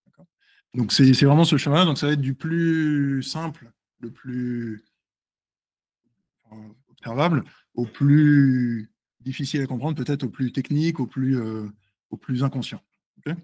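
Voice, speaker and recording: A husky, slightly breathy man in his forties leads a seminar in front of an audience. He speaks fast but hesitates often, filling gaps and restarting his phrases, and often stops to check that everyone is following. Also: mid-range voice, fairly even intonation, darkish tone. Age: 40s. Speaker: seminar presenter and author. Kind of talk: live seminar talk to an audience.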